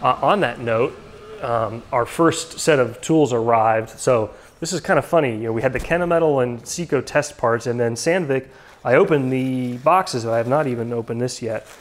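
A man in his thirties, a machine shop owner, talking casually to a handheld camera in a quick, upbeat, rambling way with many ums. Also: medium pitch. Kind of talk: casual vlog talk. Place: large open machine shop workspace. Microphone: handheld camera close to face. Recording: reverberant hall with faint noise.

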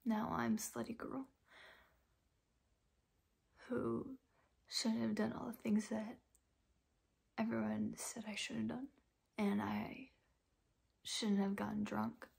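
A young woman acting a dramatic monologue as a distressed, ashamed young woman, with halting, tragic sorrow in her fragile voice. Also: fairly high pitch, flat delivery, darkish tone, full character voice. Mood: bitter sorrow. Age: young adult. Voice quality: breathy, husky, fragile.

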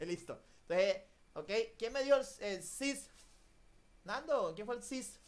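Speaking slowly in a high-pitched voice, a Latin American-accented man teaches English online through a video call. He corrects pronunciation with lively enthusiasm, switching between Spanish and English as he goes.

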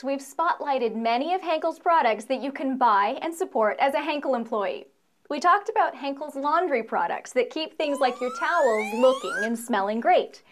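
A young adult woman presenting a scripted promotional video in an upbeat, playful, salesy way. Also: high voice.

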